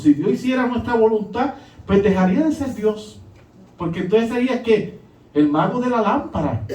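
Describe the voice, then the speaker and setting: High-voiced man preaching in an echoey hall. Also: dark tone. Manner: emphatic preaching, rising and dropping. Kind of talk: sermon. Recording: echoey room, voice from a distance.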